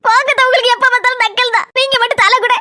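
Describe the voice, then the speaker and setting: A woman voicing a vain, sharp-tongued pregnant young wife in a comic cartoon, with a Kanyakumari Tamil accent and a scornful, whiny manner. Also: very high-pitched, steady tone, racing, noisy background.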